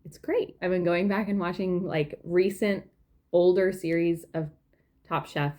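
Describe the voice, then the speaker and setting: A woman's voice: on the low side, steady tone, unhurried, darkish tone. A young woman chatting casually at home while knitting, rambling with lots of fillers. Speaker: knitting vlogger. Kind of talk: casual chat.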